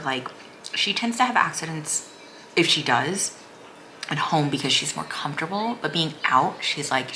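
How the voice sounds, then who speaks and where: A woman's voice: low voice, pushed and bright, a little hiss or hum. A woman vlogger giving a casual, chatty recap in a rambling, informal way full of "like". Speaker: vlogger, mother of a young child.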